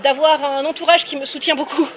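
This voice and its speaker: A woman's voice: sits high, brisk. A young adult woman author answering interview questions casually and candidly, with lots of hesitations. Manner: lively, candid, many hesitations. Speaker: author guest.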